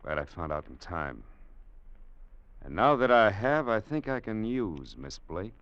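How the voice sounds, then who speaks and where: An actor playing a tough young gunslinger who also narrates, clipped and wry, in an old radio drama. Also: male voice, lowish voice, sing-song, measured pace, background noise. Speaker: narrator and lead. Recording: dull old radio recording.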